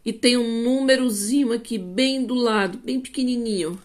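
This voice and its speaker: A Brazilian woman in her fifties with a Brazilian Portuguese accent, telling a personal testimony to her channel in an animated way. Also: a little high, moderate pace. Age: 50s. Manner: animated storytelling, acting out dialogue. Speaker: vlogger.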